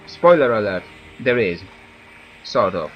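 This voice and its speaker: A man's voice: lowish voice, sing-song, unhurried, highs cut off, faint music behind. A man hosting a let's play, giving casual commentary with wry, joking asides. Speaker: gaming video host.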